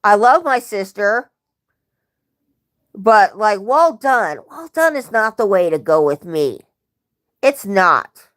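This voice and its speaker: A woman's voice: mid-range voice, very animated, slow pace, long pauses. A young woman chatting on a livestream, telling rambling family stories and often correcting herself. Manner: rambling, self-correcting storyteller. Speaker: livestream host. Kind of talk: casual livestream chat.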